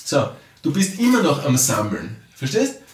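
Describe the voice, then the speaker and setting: A man coaching the listener directly and often checking in with a quick "ja?". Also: on the high side, huge pitch swings. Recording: roomy sound, mic at a distance.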